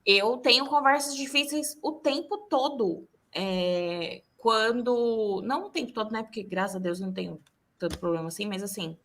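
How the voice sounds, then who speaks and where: A Brazilian woman hosting a podcast in casual chat, telling candid stories and acting out what people said. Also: medium pitch. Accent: Brazilian Portuguese. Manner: candid, animated storytelling with acted-out quotes. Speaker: podcast host.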